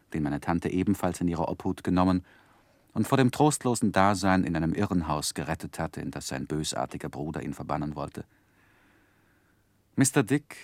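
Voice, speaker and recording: An actor narrates a 1960s German radio play as a grown gentleman remembering his youth, speaking in a measured, expressive, literary way. His voice is low-pitched and the recording is dry.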